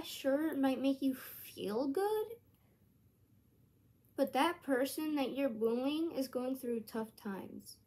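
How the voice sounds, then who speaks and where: A woman with a high voice speaks to her channel in an unhurried, earnest casual vlog. She rambles and restarts her thoughts mid-sentence. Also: a little mellow. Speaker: YouTuber.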